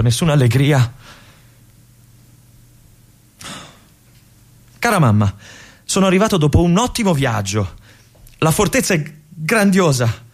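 An actor playing a restless young army lieutenant, trapped in a remote fortress and brooding alone in a theatrical radio monologue. His husky, breathy voice often sinks to a whisper, with a lively, wide-ranging pitch that swings between hushed musing and agitated outbursts. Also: natural voice. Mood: wistful. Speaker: stage actor.

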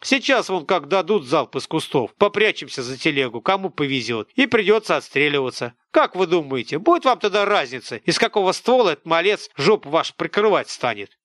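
A man voicing a calm, wry adult mercenary who talks in an easygoing, mildly mocking way. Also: fairly high pitch, fairly quick, no echo, studio quality, pitched above the performer's own voice. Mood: arguing.

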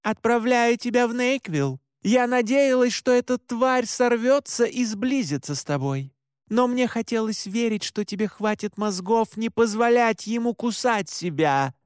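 A man's voice: sits high, expressive, normal speed, hardly any pauses, dry recording, studio quality, pitched above the performer's own voice. A man reading an audiobook and voicing a stern, furious middle-aged mother who gives harsh orders. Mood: cold, intent. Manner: harsh, commanding.

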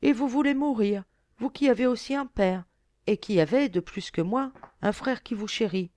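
A woman's voice: medium pitch, normal speed, a little mellow, dry recording, voice pushed up, close to an everyday voice. A woman reading aloud, voicing a brave young fisher girl who pleads earnestly. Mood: pleading earnest.

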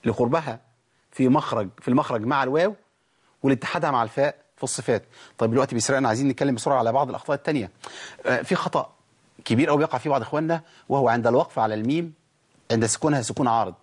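A man's voice: mid-range voice, slightly rough. A man with an Egyptian Arabic accent teaching Quran recitation rules, explaining in a conversational way and asking himself questions before answering them. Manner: explains, then demonstrates recitation with slow drawn-out examples. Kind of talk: Quran tajweed lesson.

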